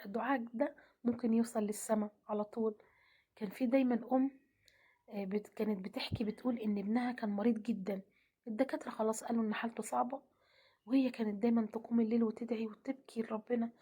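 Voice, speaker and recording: Egyptian woman, devotional speaker; quick, breathy, slightly high voice, soft half-whispered delivery. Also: steady tone. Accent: Egyptian Arabic. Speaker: religious speaker. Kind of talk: gentle devotional talk.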